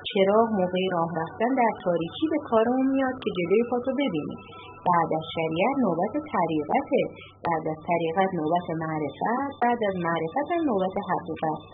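A woman voicing a calm, wise male dervish who speaks in a measured way, on a narrow phone-like recording with music behind. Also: lowish voice, close to an everyday voice.

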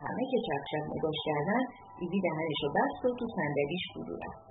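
A woman narrating a novel in an expressive storytelling style. The recording is tinny, with music behind. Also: low voice, echoey room. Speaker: audiobook narrator.

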